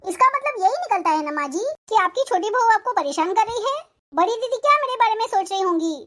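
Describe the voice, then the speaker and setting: A voice actor playing a resentful younger daughter-in-law who complains angrily and sarcastically in an animated moral story. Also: very high-pitched, full character voice. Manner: angry, sarcastic, rapid complaining.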